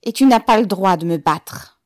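A woman voicing a defiant male peasant who speaks out forcefully against his oppressor in an audiobook. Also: on the low side, a little slow, no echo, studio quality.

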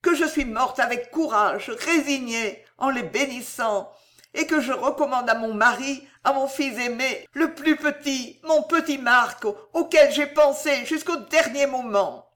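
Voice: high voice, a little slow, fairly bright tone, voice pushed up. A reader voicing a dying servant mother, speaking in a raised, fervent, quavering way. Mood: tender. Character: dying mother, a servant woman, feverish and tender.

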